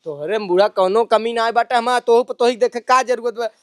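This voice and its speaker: A woman's voice: a little high, brisk, dry recording, clean studio sound, close to an everyday voice. A woman with an Awadhi accent acting as a lecherous, stammering village father-in-law of about seventy in a comedy sketch. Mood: pleading. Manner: stammering, whiny, defensive.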